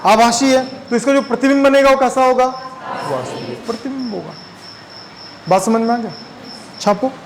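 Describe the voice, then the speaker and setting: A man's voice: extremely high pitch, a little hiss or hum, rough recording. A man teaching a physics class, chatty and constantly quizzing his students. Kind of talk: classroom lecture.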